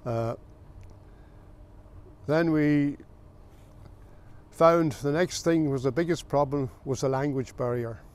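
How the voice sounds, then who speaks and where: An older man from the south of Ireland, a farmer recalling his family's history in a plain, unhurried way with small pauses. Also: on the high side, darkish tone. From south of Ireland, County Meath. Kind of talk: oral history recollection.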